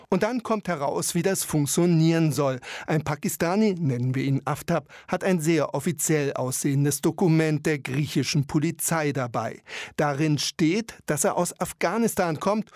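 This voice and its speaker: Male news reporter voice-over, slightly raised pitch, dry booth sound. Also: a little mellow, dry recording. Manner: measured, matter-of-fact. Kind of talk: scripted news narration.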